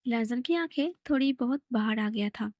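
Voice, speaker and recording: A woman's voice: a little high, normal speed, darkish tone, dry recording. A woman casually retelling a fan fiction story in a plain, conversational way.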